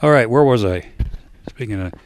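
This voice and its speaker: A man's voice: mid-range voice, animated, moderate pace. A man, hosting a casual chat in his home studio with dry joking banter. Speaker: radio host and producer.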